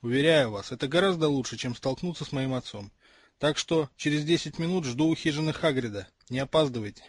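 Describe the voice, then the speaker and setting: A man reading a brisk, confident schoolboy wizard. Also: on the high side, animated, slightly rough, no room sound.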